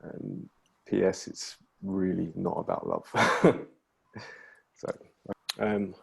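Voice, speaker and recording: A man who is a nervous spoken word poet at an online open mic, speaking in a slightly husky voice. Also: sits low, very animated, slow pace. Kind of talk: spoken word poetry and casual chat between poems. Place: online virtual open mic over video call.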